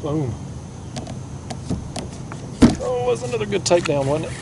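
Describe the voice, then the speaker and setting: A young man, talking excitedly and laughing often while he fishes from a kayak on a river, recorded on a mounted action camera. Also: high-pitched, measured pace, vocal fry, very noisy. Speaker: fishing vlogger. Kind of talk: casual outdoor fishing commentary.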